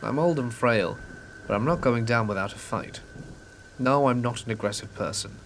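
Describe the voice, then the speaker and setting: A man narrating a true scary story in a calm, measured way, dropping quieter at tense moments. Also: medium pitch, slight background noise. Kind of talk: scripted narration.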